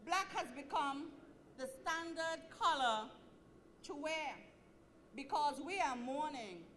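Woman, slow dramatic poetry recital, high voice, swelling emphasis. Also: animated, a bit bright, slight background noise. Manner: rhythmic, pleading declamation with swelling emphasis. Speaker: assistant principal. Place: school auditorium.

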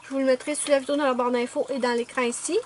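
A woman's voice: sits high, fairly even intonation, very fast, a little mellow, slight background noise. A woman narrating a nail art tutorial in a chatty, step-by-step way. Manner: chatty, explains step by step with fillers.

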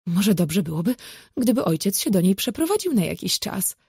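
A woman's voice: mid-range voice, sing-song, normal speed, vocal fry, darkish tone, breathy edge, no echo, clean studio sound, heavily acted. A woman voicing a fussy, scheming middle-aged mother in an audiobook, who talks dramatically and drops into conspiratorial whispers. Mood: dramatic. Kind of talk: audiobook character voice.

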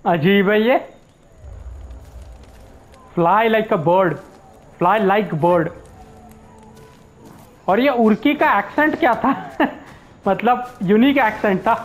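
A man giving casual gameplay commentary, relaxed and mixing in English words, chuckling at the game. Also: high-pitched, a little hiss or hum, poor audio. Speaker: gamer, channel host.

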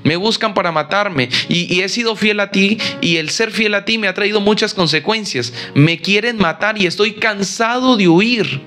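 A worn-out, despairing prophet pours out his complaint to God, his voice pushed high and strained, as a preacher acts him out in a sermon. He pleads as though he has nothing left, and a faint guitar plays softly behind him. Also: normal speed.

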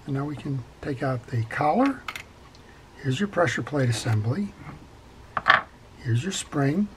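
A middle-aged man calmly talking through a step-by-step reel repair at his workbench, with frequent fillers as he works. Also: mid-range voice, unhurried, noisy background. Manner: calm, practical, talks while working, frequent fillers. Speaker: fishing reel repair instructor. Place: workshop bench.

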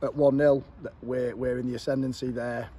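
A man's voice: mid-range voice, little pitch movement, brisk, dark tone, breathy edge. A man in his forties with an English accent, a football manager giving an earnest post-match interview outdoors at a ground, repeating words as he thinks.

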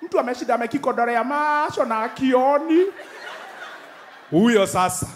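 A man in his thirties with a Kenyan accent doing animated stand-up comedy on a large indoor stage, with a handheld mic, shouting his punchlines. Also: very high-pitched, normal speed. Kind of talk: stand-up comedy in mixed Swahili and English.

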